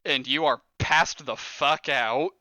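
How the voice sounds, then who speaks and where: A man running a tabletop horror game as game master, animated, laughing and swearing casually. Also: medium pitch, takes it slowly, no room sound.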